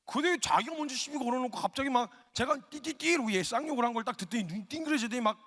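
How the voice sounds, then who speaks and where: A male missionary preaching a humorous story-driven sermon, animated and acting out quotes, at a worship gathering. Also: very high voice, fast. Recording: long hall reverb.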